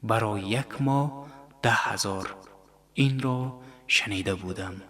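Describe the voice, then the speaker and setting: A man's voice: on the low side, fairly bright tone, long reverb tail, natural voice. A man voicing a poor, worn-down mother, muttering mockingly under her breath. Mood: quiet.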